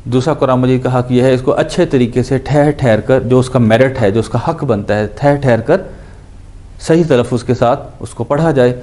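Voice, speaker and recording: Speaking at an ordinary middle pitch with a mellow quality, a man who teaches Quran and Arabic grammar walks through a lesson one step at a time. Each verb form gets repeated during the drill, and English words find their way into what he says.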